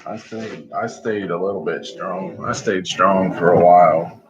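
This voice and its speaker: A middle-aged man chatting casually and folksily on a livestream, rambling along with hesitant pauses. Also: sits low, steady tone, over a noisy crowd. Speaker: host of a livestream vlog. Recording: slightly muffled, lo-fi livestream audio.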